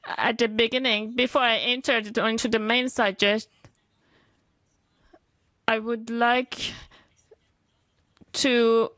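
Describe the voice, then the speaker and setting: Woman, rights activist, formal speech, slow and halting, bright high voice. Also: level tone, no room sound. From Afghanistan. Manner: earnest and solemn, halting with many fillers. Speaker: women's rights activist speaker. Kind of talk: formal prepared speech to a parliament panel. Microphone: remote video call connection.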